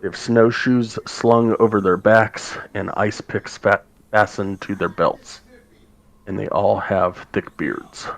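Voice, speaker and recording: A man narrating as game master in a tabletop game, halting as he thinks aloud. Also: lowish voice, steady tone, creaky, rough recording.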